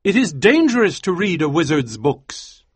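An actor playing an intense, anxious scientist husband in a dramatised audiobook, theatrical and emphatic. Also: male voice, fairly high pitch, very animated, slightly rough, no room sound. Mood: tender. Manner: theatrical, emphatic, slow and deliberate.

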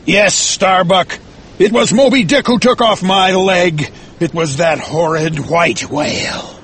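A man's voice: high-pitched, takes it slowly, a bit bright, slight background noise, pitched above the performer's own voice. A man voicing a fierce, obsessed, vengeful whaling captain with intense, roaring, dramatic delivery, as in an audiobook.

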